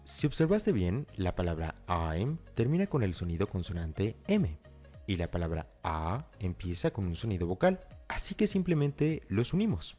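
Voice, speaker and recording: A man's voice: deep voice, big pitch swings, normal speed, warm tone, soft background music. A man giving a scripted language lesson, explaining step by step and speaking directly to the learner. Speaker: English teacher. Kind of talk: scripted tutorial narration.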